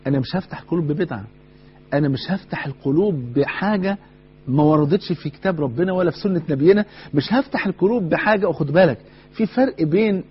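A man's voice: fairly high pitch, fast talker, husky. A man with an Egyptian accent preaching a sermon, telling stories with passion and acting out the voices of the people in them. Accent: Egyptian Arabic. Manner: impassioned, acts out quoted voices. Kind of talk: sermon with storytelling. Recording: dull lo-fi recording with faint hum.

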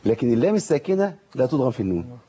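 A man's voice: medium pitch, sing-song, dark tone, muffled recording. A man with an Egyptian Arabic accent, hosting a casual studio talk about Quran recitation and chiming in often. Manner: fast, chatty, interjects often. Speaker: host of a Quran recitation show.

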